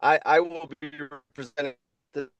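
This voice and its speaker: A man's voice: a little high, fairly even intonation. Man breaking up on a bad video connection. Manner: polite, halting, stammering. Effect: bad connection, voice breaking up on a video call. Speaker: defendant. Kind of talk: court hearing testimony. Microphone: video call. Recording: dull lo-fi video call audio, dry.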